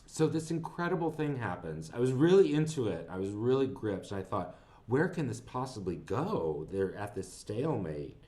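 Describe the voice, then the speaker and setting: A man's voice: lowish voice, sing-song, moderate pace, warm tone. A man co-hosting a podcast, chatting casually about films, rambling and laughing as he retells scenes. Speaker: podcast co-host. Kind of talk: casual film discussion.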